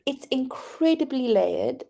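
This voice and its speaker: Brief: female podcast co-host, warm gravelly tone, animated casual chat. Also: high-pitched, slow pace. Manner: chatty, animated, laughs often.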